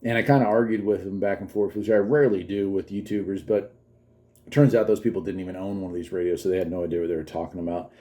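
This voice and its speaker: A man with a low, mellow voice and fairly even intonation talks fast as he casually hosts a gadget demo for YouTube, enthusiastically rambling. He's filmed on a phone camera someone else holds, with faint noise in the background.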